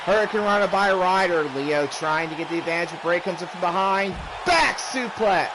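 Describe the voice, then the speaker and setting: A man doing excited play-by-play as a wrestling commentator, exclaiming and often shouting out the moves. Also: high-pitched, moderate pace. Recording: clearly noisy background.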